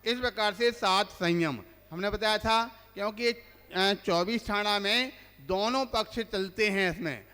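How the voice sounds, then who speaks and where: High bright voice, monk quizzing his class, lots of hall reverb. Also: smooth. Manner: questions the class, then recites lists. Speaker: Jain monk teaching a class. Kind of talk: quizzing religious lesson.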